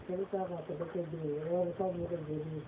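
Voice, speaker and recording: A young adult woman casually questions a family elder, coaxing and patient as she repeats herself. The sound is thin and phone-like, with clear noise behind her. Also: lowish voice, level tone, fast talker. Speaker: family member asking questions.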